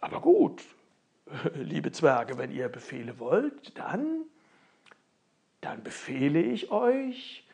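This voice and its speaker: A woman voicing a cheerful, simple young wandering man who exclaims loudly. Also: deep voice, big pitch swings, slow pace, gravelly, long pauses, breathy edge, full character voice. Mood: flustered. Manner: loud, delighted exclamations.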